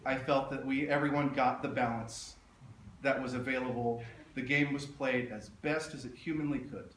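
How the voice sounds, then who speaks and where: A man giving a funeral eulogy as a public speech, in a tender, measured, halting way with pauses. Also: medium pitch, fairly even intonation, a bit bright. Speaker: eulogist speaking at his mother's funeral. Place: echoey room, speaking to a gathering. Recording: roomy echo, distant mic, faint noise.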